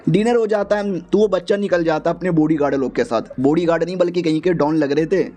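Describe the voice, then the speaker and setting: A man's voice: on the high side, quick pace, dark tone. A young man casually retelling an anime story in a slangy, crude, jokey way. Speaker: anime recap narrator.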